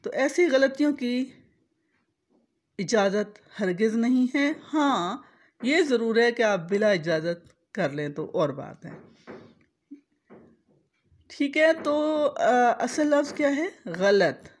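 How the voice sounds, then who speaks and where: Slow, deliberate teacher woman. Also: on the high side, animated. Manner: spells out vowel marks letter by letter, repeats words. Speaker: Urdu pronunciation teacher. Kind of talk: slow, deliberate instructional explanation.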